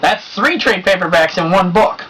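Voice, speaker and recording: Excitable, chatty man hosting a review vlog. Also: high-pitched, moderate pace. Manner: excitable, chatty, laughs often. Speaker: show host reviewing comics and movies. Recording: distant mic with faint background noise.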